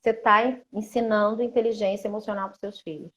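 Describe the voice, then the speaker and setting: Uma mulher brasileira, psicóloga, falando numa live com jeito de conversa, encenando diálogos entre mãe e filho. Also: female voice, mid-range voice, fairly even intonation, quick pace, fairly bright tone, dull audio. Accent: Brazilian Portuguese. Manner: chatty, acts out parent-child dialogues. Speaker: psychologist and mentor. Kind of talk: live-stream talk on emotions.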